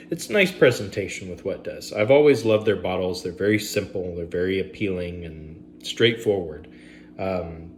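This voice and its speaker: Low-voiced man reviewing bourbon casually. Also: noisy background. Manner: relaxed, rambling, many fillers and asides.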